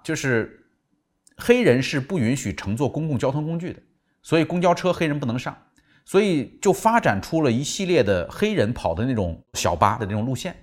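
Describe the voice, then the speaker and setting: A man hosting a book summary, retelling the story in an animated way and acting out the quotes. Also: medium pitch.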